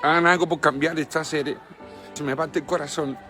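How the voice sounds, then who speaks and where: A man's voice: fairly high pitch, steady tone, fast, bright, forceful tone. Pleading Cuban man over music. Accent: Cuban Spanish. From Cuba. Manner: pleading, emotional, repeats address words. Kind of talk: impassioned plea in a video clip. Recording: clip with music playing behind.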